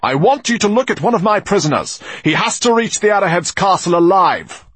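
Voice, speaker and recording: A man voicing a gruff, bullying male captain who barks his lines loudly in a raised voice. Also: a little high, huge pitch swings, slow, no room sound, voice pushed up, full character voice. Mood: snapping. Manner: loud, barking.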